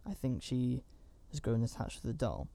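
A man's voice: medium pitch, big pitch swings, moderate pace, gravelly, mellow. A man giving a casual, rambling recap of a horror movie, with chatty asides and fillers. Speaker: film reviewer.

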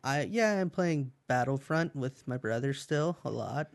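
A man's voice: medium pitch, animated, unhurried, vocal fry. A young man on a casual gaming podcast, easygoing and self-deprecating, laughing often. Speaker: podcast co-host.

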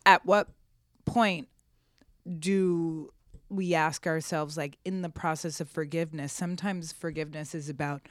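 Woman chatting on a panel, reflective, pauses between phrases, slightly low voice, dry audio. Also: fairly even intonation, dry recording. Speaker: podcast panelist. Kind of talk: casual discussion.

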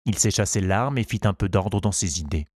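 A man reading a children's storybook aloud in a measured, unhurried way. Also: low-pitched, a little mellow, no echo, clean studio sound. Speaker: narrator.

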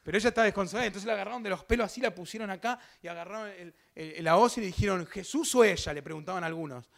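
A man's voice: high-pitched, very fast, creaky, a bit bright. A young man with a Rioplatense accent giving a sermon testimony, telling his story vividly with sound effects and acted quotes, and speaking directly to the congregation. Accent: Rioplatense Spanish. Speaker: preacher.

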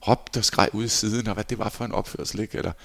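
A man in his forties, a former handball goalkeeper, telling lively anecdotes in a casual interview and acting out quoted lines. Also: on the low side, vocal fry. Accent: Danish. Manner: animated anecdotes, acts out shouted quotes.

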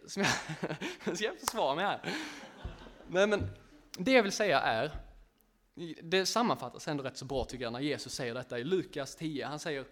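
A man's voice: a little high, animated, a bit bright. A man preaching a casual sermon, chatting directly with listeners, often laughing and poking fun at himself.

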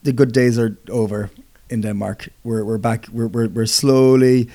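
A man's voice: mid-range voice, fairly even intonation, normal speed, mellow. Young man, podcast co-host, rambly, self-correcting, giggly, mid-range voice. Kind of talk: casual chat explaining English phrases.

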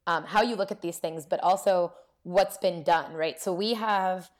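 A woman's voice: fairly low pitch, moderate pace. A woman researcher being interviewed, explaining her field informally in a conversational, checking way. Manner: informal, frequent "like" and checking "right?". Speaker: academic researcher, interview guest. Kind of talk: casual academic discussion.

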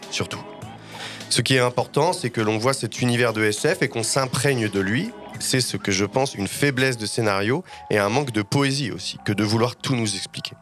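A man's voice: lowish voice, a bit bright. A man reading his ironic, opinionated critique column on a podcast, mocking himself along the way.

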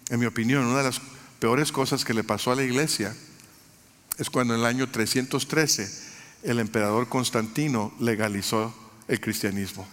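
Mexican-born pastor preaching in a reverberant hall. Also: male voice, medium pitch, moderate pace, fairly bright tone. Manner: earnest preaching with repeated lists and restarts. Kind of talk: sermon.

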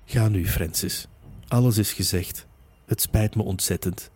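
A male narrator voicing a tearful, resigned young woman who is a spirit medium, in a soft, subdued delivery. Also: fairly low pitch, unhurried, breathy edge.

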